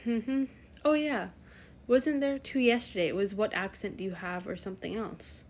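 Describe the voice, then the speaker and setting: A teenage girl hosts her own fanfiction channel, chatting casually to viewers in a rambling way, with lots of fillers and self-corrections. Her medium-pitched voice is fairly even and moderately paced.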